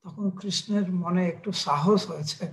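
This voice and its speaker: Dramatic storytelling preacher, man, high-pitched voice. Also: moderate pace, creaky. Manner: animated, dramatic retelling. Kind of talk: devotional storytelling sermon.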